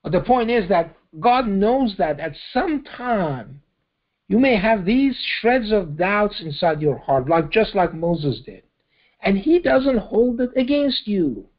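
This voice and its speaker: A man's voice: high-pitched, very animated, takes it slowly, dull audio. A man leading a scripture study, explaining verses in a conversational way and often checking in with "okay?". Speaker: Quran study teacher.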